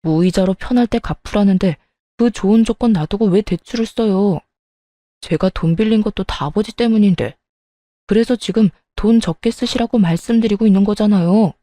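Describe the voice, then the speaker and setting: Worried husband voiced by a woman, earnest and pleading, slightly lower than her narration, mellow and dry. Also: normal speed, no echo, natural voice. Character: worried young husband, man.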